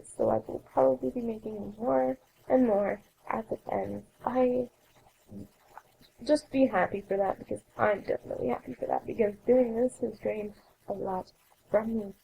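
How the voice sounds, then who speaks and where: A young woman hosting a let's play, chatting through her gameplay with a raspy voice that has a cold in it and a rambling way of correcting herself. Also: a little high, fairly even intonation, moderate pace, highs cut off. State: coughing, sore throat. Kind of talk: casual gameplay narration.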